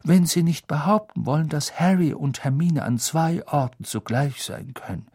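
Man doing a calm old headmaster, gentle and husky, dry close sound. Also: a little high, moderate pace, no room sound, voice pushed up.

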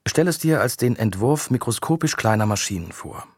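A man voicing a patient, thoughtful young male scientist who explains things calmly in an audiobook. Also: medium pitch, fairly quick, breathy edge, no room sound, studio quality. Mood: explaining. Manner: calm, explanatory.

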